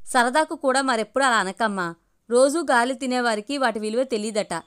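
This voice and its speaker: A woman reading the lines of a middle-aged mother who soothes her daughter while gently needling her husband. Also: on the high side, brisk, smooth, lightly acted. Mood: wry.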